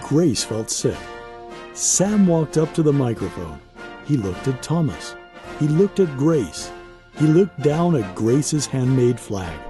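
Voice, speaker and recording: Over music, a man reads a children's picture book aloud as an expressive storyteller. His medium-pitched voice uses measured, dramatic phrasing and pauses for emphasis.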